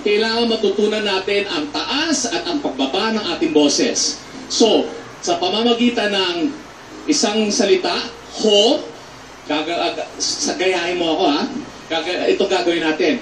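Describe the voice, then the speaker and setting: A man's voice: high-pitched, expressive, unhurried, pauses often, slight background noise. Man coaching voice in an echoey studio. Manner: patient, coaching, with loud demonstration shouts. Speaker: theater actor teaching voice to a child. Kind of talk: instructive voice lesson on a TV show. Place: TV studio with a live audience. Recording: echoey studio, mic some distance off.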